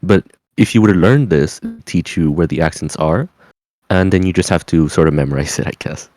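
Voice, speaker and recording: A podcast co-host with a low, darkish voice chats casually at a brisk clip about learning languages, joking around in a playful, easygoing way. There's no echo on his voice.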